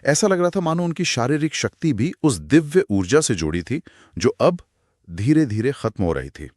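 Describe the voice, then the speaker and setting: A man co-hosting a conversational retelling of scripture, narrating with expressive, dramatic pauses. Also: mid-range voice, no echo, studio quality. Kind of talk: conversational storytelling discussion.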